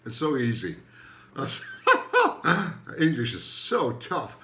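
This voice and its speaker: A man's voice: medium pitch, lively intonation, unhurried, pushed and bright. Older Turkish-accented man joking in an echoey room. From Turkey. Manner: rambling, joking, loses his thread. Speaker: comedian host. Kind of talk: comedic monologue.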